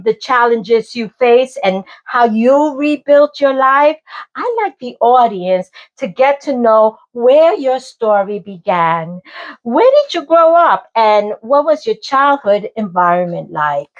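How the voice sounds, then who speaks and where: A woman hosts an interview, speaking at an unhurried pace in a slightly high voice. She asks measured questions and often pauses on "um" while she finds her words. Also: very animated, highs cut off. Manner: slow, measured questions with frequent ums. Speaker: interview show host. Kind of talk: hosted interview.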